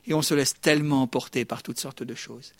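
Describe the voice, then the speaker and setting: An older man preaching a sermon in a lively, conversational way, often checking in with the congregation with quick asides. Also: mid-range voice. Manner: lively, chatty preaching with frequent "hein?" asides. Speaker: pastor.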